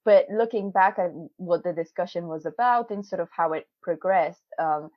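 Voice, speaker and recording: Over dull, dry video call audio, a PhD student in her twenties is interviewed in a relaxed, talkative way. English isn't her first language, and her fairly low voice moves at a moderate pace, broken up by frequent laughter, fillers, and false starts.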